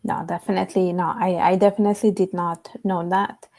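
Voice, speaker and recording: A young adult woman from Italy, a guest telling her story in a relaxed, reflective interview. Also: on the low side, brisk. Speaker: guest, author. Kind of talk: conversational interview.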